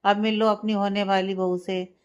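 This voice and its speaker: A serious young lawyer, read by a woman narrator, keeping his irritation in check as he talks firmly. The voice is clear and smooth, close to the reader's own. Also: medium pitch, flat delivery, moderate pace, darkish tone, close to an everyday voice. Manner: firm, restrained irritation. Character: serious, short-tempered young male lawyer.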